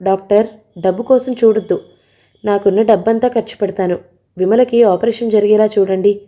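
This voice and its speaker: A woman's voice: medium pitch, fairly even intonation, normal speed, mellow, close to an everyday voice. A woman voicing an earnest young male lawyer who speaks in a caring, reassuring way.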